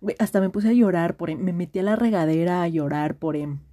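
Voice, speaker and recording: A woman's voice: on the low side, quick pace, dark tone. A young woman with a Mexican accent, telling a friend a long personal story in a casual, slangy, rambling voice message. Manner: rambling, slangy, frequent restarts and fillers.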